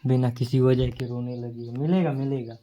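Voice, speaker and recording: A man's voice: mid-range voice, fairly even intonation, moderate pace, warm tone. A man vlogging at home while his sisters cook, chatty and teasing as he gives orders. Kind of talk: casual vlog narration.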